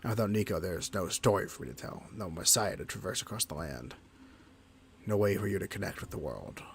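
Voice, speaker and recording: A man voicing a calm, melancholy game machine that narrates with solemn, subdued resignation. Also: sits low, a little fast, creaky, a little hiss or hum, pitched below the performer's own voice. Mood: resigned, solemn.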